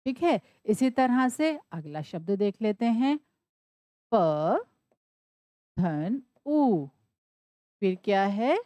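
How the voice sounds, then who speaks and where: A woman's voice: mid-range voice, sing-song, slow, warm tone, no room sound. A woman teaching Sanskrit, spelling words out letter by letter and asking and answering her own questions. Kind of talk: classroom explanation.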